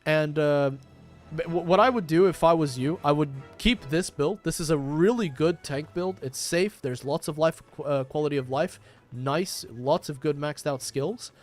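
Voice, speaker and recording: A man's voice: a little high, normal speed, a little mellow, faint music behind. A man livestreaming a game, chatting casually in an informal, sweary, bantering way. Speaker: livestream host, gamer. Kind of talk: casual livestream chat while gaming.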